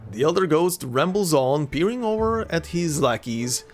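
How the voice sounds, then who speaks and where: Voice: mid-range voice, very animated, normal speed, soft background music. A let's player reading game narration aloud and adding casual commentary.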